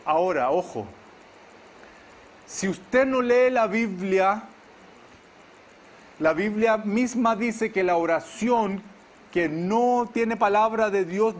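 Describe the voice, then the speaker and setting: High-voiced man preaching. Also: slight background noise. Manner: preaches to a congregation, often checks in with a quick "¿sí?". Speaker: pastor. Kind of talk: sermon. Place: church service.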